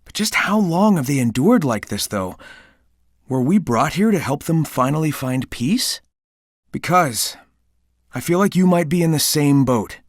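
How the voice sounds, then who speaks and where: A cocky, good-hearted young hedgehog hero from a video game. The voice is youthful and slightly high, with lively swings in pitch. It is dry and close, and the delivery is casual, breezy and confident. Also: male voice, unhurried, dry recording. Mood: earnest, supportive. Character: cocky, upbeat, caring young male cartoon hedgehog hero. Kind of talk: video game character dialogue.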